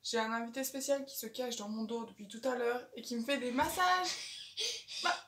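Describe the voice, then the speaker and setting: A woman's voice: a little high, moderate pace, a bit bright. A seventeen-year-old girl hosting a casual video chat at home, bossy and chatty with her little brother. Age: teens. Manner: chatty, bossy big sister. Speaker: youtuber. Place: home, indoors. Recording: echoey room, voice from a distance.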